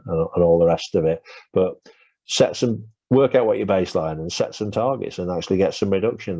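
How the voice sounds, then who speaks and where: A man with a low, mellow voice and a breathy edge leads a webinar and takes questions, his voice giving out amid many fillers and restarts. There's no room sound, and the webinar audio is dull and lo-fi.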